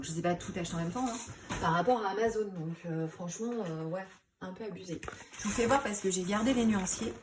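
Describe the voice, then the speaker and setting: A woman in casual show-and-tell, chatty and rambling, with many fillers, self-corrections and quiet muttered asides. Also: mid-range voice, slight background noise. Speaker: craft YouTuber.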